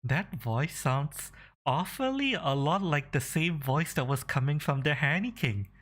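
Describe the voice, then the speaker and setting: A man running a tabletop game, improvising the narration and thinking aloud in a halting way. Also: fairly high pitch, expressive, fairly bright tone. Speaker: game master.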